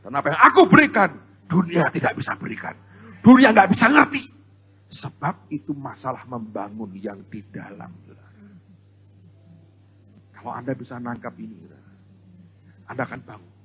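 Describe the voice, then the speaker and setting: A pastor preaching a sermon in an animated, storytelling way, often turning to address the congregation directly. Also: male voice, medium pitch, normal speed, pauses often. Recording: dull lo-fi sermon recording.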